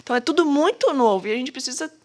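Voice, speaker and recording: A woman's voice: high-pitched, animated, rapid-fire. A woman educator in a casual podcast conversation, talking thoughtfully with many fillers and restarts. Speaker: educator at a school.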